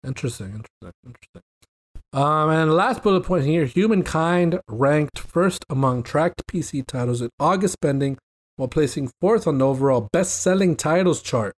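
A man's voice: on the high side, moderate pace. Joking male podcast co-host. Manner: joking, animated, reads news bullet points. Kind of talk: casual gaming podcast chat.

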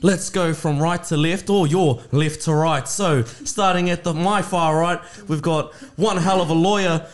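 A man's voice: a little high, a little slow, few pauses. A man with a Māori New Zealand English accent hosting a podcast in casual, jokey, sweary chat sprinkled with Māori words. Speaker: podcast host.

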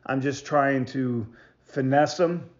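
A man giving a casual product demonstration as a maker of hunting calls, talking in a halting, rambling way and often repeating himself. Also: mid-range voice, dull audio. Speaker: goose call maker presenting products.

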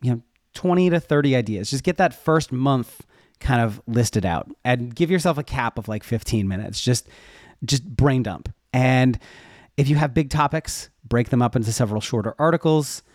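Animated and darkish in tone, this man's mid-range voice moves at a moderate pace, recorded with studio quality and no room sound. As a podcast guest who teaches web development, he chats candidly in a casual interview, drawing on his own experience to explain things.

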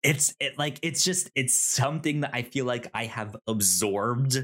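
A podcast co-host reviewing a TV show talks in a mid-range voice, a little slowly, in loose unscripted discussion. He's animated, often repeats words and syllables, and acts out imagined dialogue.

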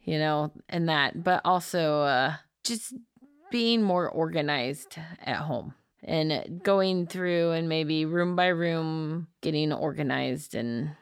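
A woman's voice: sits low, takes it slowly, clear, resonant tone, no room sound, clean studio sound. A woman co-hosting a podcast, chatting casually and laughing often. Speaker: podcast co-host. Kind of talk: casual chat.

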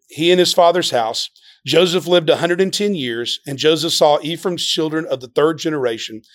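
Earnest man preaching, a little high-pitched. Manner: earnest preaching with frequent restarts and repeated words. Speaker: pastor. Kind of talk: sermon.

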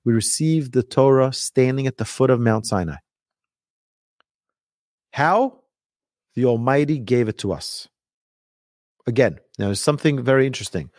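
A man teaching religion like a rabbi, telling stories emphatically with rhetorical questions and deliberate repetition. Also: medium pitch, darkish tone, no echo, studio quality. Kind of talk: lively religious lecture with storytelling.

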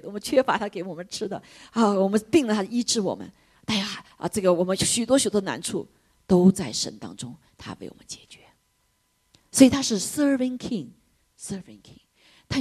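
A middle-aged woman preaching a sermon, switching between loud exclamations and hushed whispers. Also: lowish voice, husky.

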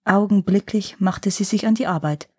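A woman telling a fairy tale in a calm, expressive storybook reading. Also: mid-range voice, normal speed, breathy edge.

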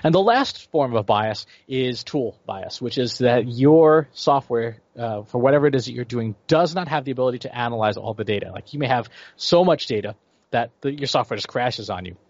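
A man's voice: mid-range voice, lively intonation, moderate pace, dry recording. A man in his forties, a guest expert giving explanatory interview answers, lecturing and checking in with "right?". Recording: dry, slightly dull lo-fi audio.

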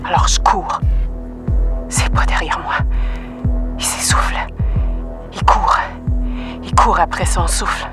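This is intimate first-person radio drama: a Québécois-accented actress, fairly low in pitch, voices the narrator-protagonist fleeing her hunters. She takes her time with long pauses between short, clipped, breathless fragments, tense at first and later coldly calm, as a music score plays clearly under her.

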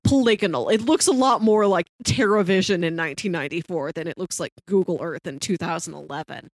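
On a podcast where she co-hosts and reviews shows, this woman gives earnest, excited recommendations in a casual way, punctuated by emphatic lists. She speaks a little fast in a lowish voice, with no echo on the recording.

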